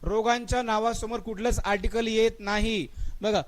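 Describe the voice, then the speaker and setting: A man with a Marathi accent teaching English grammar in a live online class, quizzing students and urging quick answers while drawling out the example sentences. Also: sits high, fairly even intonation.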